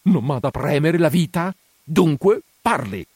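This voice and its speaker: A man reading aloud voices an angry, hot-tempered young peasant who makes forceful, insistent demands. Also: medium pitch, expressive, normal speed, no echo, close to an everyday voice. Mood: threatening.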